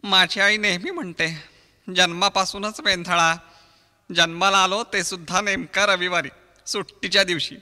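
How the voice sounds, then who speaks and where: A man's voice: sits high, fairly even intonation, pushed and bright, big-room sound. Marathi man doing comic stage voices. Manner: switches quickly between impressions of film actors. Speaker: mimicry artist. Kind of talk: mimicry comedy sketch with many voices.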